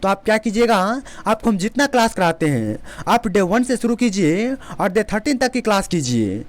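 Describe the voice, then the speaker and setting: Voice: mid-range voice, sing-song. Teacher with an Indian accent drilling phrases. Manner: repeats each English example slowly several times; explains in Hindi, models English phrases deliberately. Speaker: spoken English teacher. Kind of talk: Hindi-medium English lesson.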